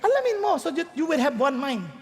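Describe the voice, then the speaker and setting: A Filipino woman preaches a sermon with a strikingly high voice. She is animated and acts out quick scenes of parents scolding or comforting their kids. Her voice carries a long reverb, as if recorded in a big church hall.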